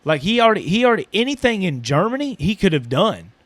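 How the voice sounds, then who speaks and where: A man's voice: high voice, very animated, fast talker, dry recording. A man hosting a casual podcast chat who talks hesitantly, stumbling and repeating his words as he questions his co-host, recorded in a small building.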